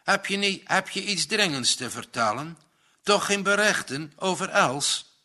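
A man's voice: high-pitched, expressive, a little slow, sharp tone, pitched above the performer's own voice, heavily acted. A man voicing an anxious, earnest young farmer's son in a read-aloud story.

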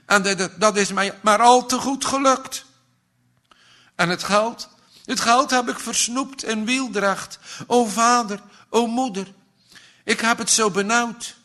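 Storybook role: man playing a sick, guilt-ridden boy, high and breathless, slow and bright. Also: full character voice. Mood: anguished confession. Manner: breathless, pleading, high-pitched. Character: sick remorseful boy, frightened.

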